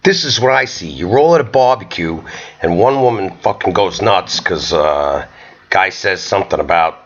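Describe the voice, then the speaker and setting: A man doing a profane stand-up comedy rant, jumping into shrill voices to act out characters. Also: expressive, normal speed, dull audio. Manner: profane, ranting, acts out characters in sudden high voices.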